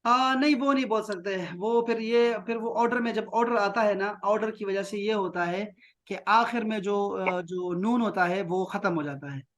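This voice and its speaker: In an online lesson over a video call, a man from Pakistan teaches Arabic to children, patiently and slowly repeating short phrases and praising them often. His voice is high and a bit bright.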